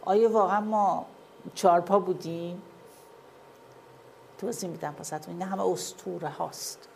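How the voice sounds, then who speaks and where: A woman's voice: fairly low pitch, fairly even intonation, creaky, darkish tone, a little hiss or hum. Woman lecturing, checking understanding. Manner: asks listeners often if they follow. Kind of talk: classroom lecture with slides. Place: classroom.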